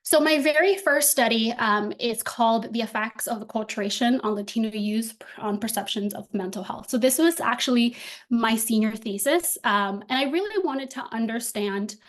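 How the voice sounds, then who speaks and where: Young woman giving a research talk on a video call, slightly high voice, lots of ums, friendly. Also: moderate pace. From Dominican Republic. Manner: friendly, many filler ums. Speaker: doctoral student presenter. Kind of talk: academic presentation over video call. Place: indoor room at home. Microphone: laptop webcam on video call.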